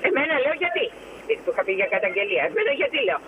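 A woman's voice: mid-range voice, very animated, narrow, tinny audio, noisy background. A woman phoning in to a show, agitated and indignant as she recounts a complaint. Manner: agitated, indignant, fast retelling with quoted dialogue. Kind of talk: phone-in interview, recounting a complaint.

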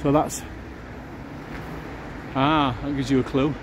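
A chatty vlogger with a medium-pitched voice and little pitch movement gives a casual walking tour on a city street, speaking slowly. He muses aloud with fillers while outdoor street noise runs behind him.

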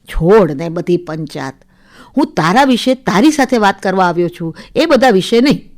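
A woman voicing the ghost of an older husband, deep and grinding in tone, slow, teasing and scolding. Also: animated. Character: older husband's ghost speaking from a photo, gruff.

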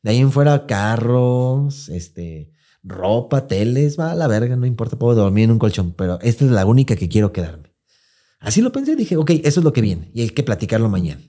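A man's voice: medium pitch, a little fast. A man with a Mexican Spanish accent, a podcast co-host telling a personal story in casual, swearing, slang-filled chat, acting out what people said. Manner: swearing, slangy, animated retelling with acted quotes.

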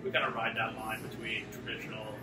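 A man's voice: fairly low pitch, quick pace, heavy background noise. A man, a brewmaster talking casually in an interview with lots of fillers. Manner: relaxed and chatty, many fillers. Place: brewery taproom with concrete block walls. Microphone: camera mic from a few meters away. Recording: echoey room, distant mic, loud music.

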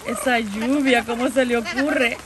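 Woman, parrot owner, slow and sweetly coddling pet talk, rain noise loud behind her. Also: fairly high pitch, fairly even intonation. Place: outdoors in the rain.

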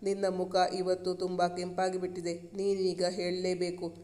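A man reading the part of a caring young husband in a storybook, speaking softly and earnestly. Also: high voice, completely flat delivery, moderate pace, close to an everyday voice. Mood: tender, reassuring. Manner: soft, soothing and earnest. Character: caring protective young husband, gentle but firm.

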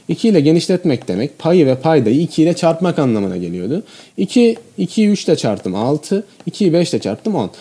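A man's voice: on the high side, mellow. A man teaching a math lesson, explaining each step and often checking in with the viewer.

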